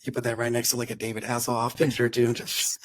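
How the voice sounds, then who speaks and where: A man's voice: medium pitch, dry recording, poor audio. A man co-hosting a car podcast, chatting casually and rambling, with frequent restarts and acted-out quotes. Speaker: podcast co-host. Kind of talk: casual chat.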